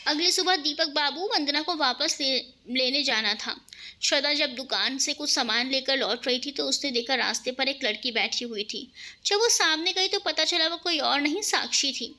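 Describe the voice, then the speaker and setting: A woman narrating a romantic family story and voicing every character herself. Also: moderate pace. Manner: lively, shifts pitch for each character.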